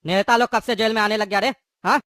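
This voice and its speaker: A man's voice: high-pitched, fairly even intonation, quick pace, pushed and bright, slight background noise. A voice actor playing a hot-tempered male gangster in a cartoon, taunting and threatening. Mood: mocking. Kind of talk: cartoon voice acting.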